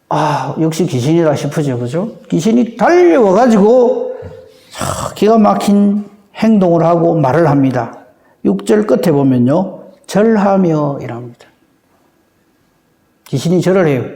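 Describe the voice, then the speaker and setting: A male pastor delivering a dawn sermon in a lively, high-pitched voice with a mellow tone. He talks conversationally and keeps drawing the congregation in, and his voice rings through a reverberant church hall. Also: vocal fry. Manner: conversational, often seeking agreement from the congregation.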